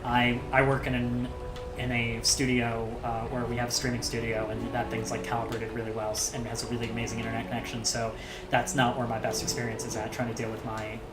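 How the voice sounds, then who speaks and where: A man's voice: mid-range voice, monotone, a little fast. Man, stream host, casual upbeat chat, hesitant fillers, roomy echo, music behind.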